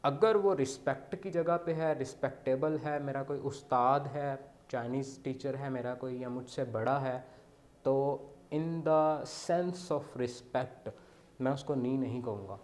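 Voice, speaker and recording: A man's voice: mid-range voice, slow pace, a little mellow. A man teaching beginner Chinese, who explains step by step and often checks in with his students. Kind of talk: beginner language lesson.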